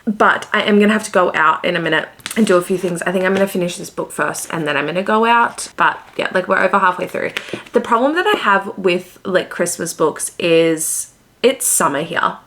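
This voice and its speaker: A woman's voice: fairly low pitch, lively intonation, brisk, fairly bright tone, slight background noise. A woman with an Australian accent chatting casually in a vlog, rambling along with lots of "like". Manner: rambling, heavy use of "like". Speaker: book vlogger and host.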